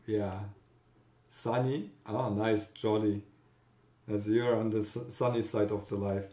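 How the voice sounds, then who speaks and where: Casual stream host: Central European man, unhurried and halting, recorded in a roomy space. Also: fairly low pitch, steady tone, dark tone. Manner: greets chat viewers by name, halting with fillers. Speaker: livestream host. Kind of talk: casual live-stream chat.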